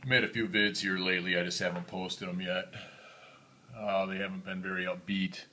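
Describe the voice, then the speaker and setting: A man with a monotone voice, talking casually through a knife review for his vlog, recorded on a phone camera. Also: deep voice, moderate pace, slight background noise. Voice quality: monotone, self-described.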